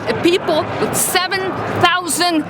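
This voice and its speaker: An Egyptian-accented woman speaks in a high voice as an impassioned activist being interviewed. She is emphatic and repeats phrases for stress. Around her is a very loud street crowd with heavy outdoor noise. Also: fairly even intonation, measured pace. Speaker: pro-democracy activist interviewed at a street protest. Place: outdoors in a crowded city square.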